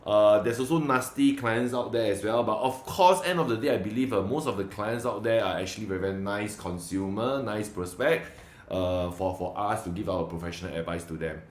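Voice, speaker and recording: A man's voice: on the low side, a little fast, hardly any pauses. A man with a Singaporean accent hosting a casual interview as a property agent, recorded with a roomy echo. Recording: roomy, echoing sound.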